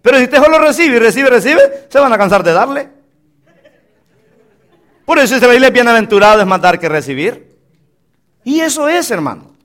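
Male pastor, very high pitch, highly animated delivery, emphatic call-and-response sermon. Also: normal speed, long pauses. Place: church pulpit.

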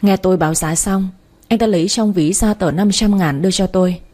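A woman reading a first-person story aloud, narrating in a steady, even way. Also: mid-range voice, brisk.

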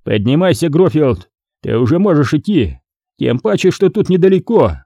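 A man voicing a menacing, contemptuous gang boss in an audiobook, talking roughly. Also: fairly high pitch, very animated, normal speed, warm tone, no room sound, voice pushed up, exaggerated voice. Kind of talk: audiobook character voice.

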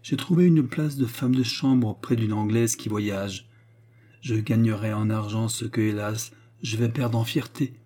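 A man's voice: fairly low pitch, steady tone, measured pace, dark tone. A man reading as a tearful young working woman. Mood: tearful pleading. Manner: pleading and broken.

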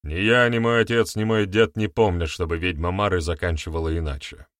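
A man's voice: sits low, fairly even intonation, brisk, no room sound, clean studio sound, lightly acted. A man voicing a gloomy, cold older male clan leader who speaks harshly.

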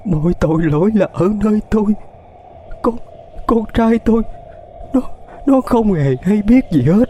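A man's voice: sits high, lively intonation, normal speed, mellow, a little hiss or hum, pitched above the performer's own voice. A man voicing a guilt-ridden older woman who stammers and begs a ghost for mercy. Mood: pleading. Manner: stammering, pleading, sobbing.

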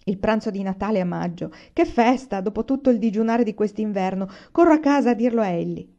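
A woman's voice: medium pitch, sing-song, brisk, dark tone, highs cut off. A woman reading the lines of a jolly, laughing male neighbor in a storybook. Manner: hearty, enthusiastic.

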